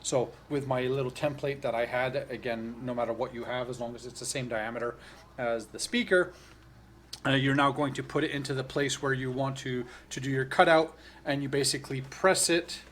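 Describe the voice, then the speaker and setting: A man with a mid-range, fairly bright voice talks at a normal speed in a steady tone, with a little hiss or hum in the recording. He hosts a tutorial channel and narrates a casual hands-on how-to step by step, loosely and hesitantly, often correcting himself.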